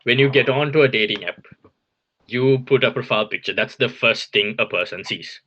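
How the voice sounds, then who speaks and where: A man's voice: medium pitch, fairly quick, bright, forceful tone, lo-fi sound. A man in his twenties, a podcast co-host, giving opinionated takes and teasing his friends, with frequent "um"s. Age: 20s. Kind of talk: casual chat. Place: home in Tokyo.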